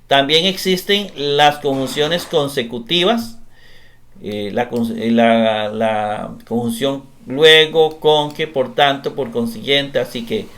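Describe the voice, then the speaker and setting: A man giving a recorded grammar class, explaining step by step, often pausing with "eh" and checking in with "¿verdad?". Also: medium pitch, fairly even intonation, fairly bright tone. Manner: explanatory, repeats tag question "¿verdad?", frequent hesitations. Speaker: grammar teacher.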